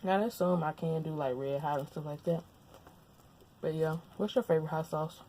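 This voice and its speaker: A woman's voice: low voice, normal speed, warm tone, slight background noise. A young woman from Louisiana chatting casually at home while eating, sometimes talking with her mouth full. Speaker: mukbang vlogger. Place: at home, indoors. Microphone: lapel mic.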